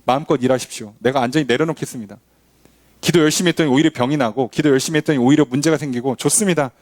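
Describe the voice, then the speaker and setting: A man's voice: medium pitch, racing, darkish tone, no room sound. A male pastor preaching a sermon, asking the congregation rhetorical questions. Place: church.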